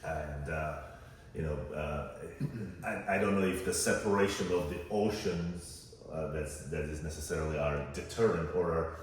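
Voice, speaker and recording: This podcast co-host has a bass voice and a moderate pace, musing in a loose, casual chat with many fillers. The room is echoey, he sits far from the microphone, and there is faint noise.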